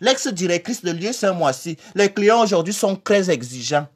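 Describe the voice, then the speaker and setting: A man's voice: high-pitched, expressive, moderate pace, breathy edge. A man with a Cameroonian French accent ranting on a livestream in a mocking, insulting way, repeating his jabs and delivering them in a honeyed tone. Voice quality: honeyed, sweet-toned insults. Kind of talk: livestream rant.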